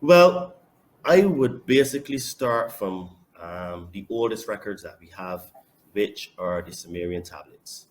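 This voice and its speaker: A man from Barbados with a Barbadian accent, a guest on a casual podcast, speaking confidently and emphatically with sudden bursts of loudness. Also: on the low side, animated, a little slow. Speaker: podcast guest and online fitness coach.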